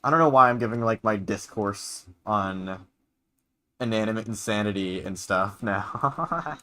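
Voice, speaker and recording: A young man chatting casually with a friend, full of jokes and quick laughs. He pokes fun at himself and keeps the tone loose and playful. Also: on the low side, bright, forceful tone. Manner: jokey, laughs often, self-deprecating. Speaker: animator co-hosting a chat. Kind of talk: casual chat.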